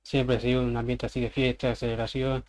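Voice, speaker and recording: An Argentine man giving a casual presentation on a voice chat server, walking through words with plenty of examples. His voice sits at a middling pitch and stays fairly flat, with little rise and fall. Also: fairly quick. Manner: casual, explains slang word by word with examples.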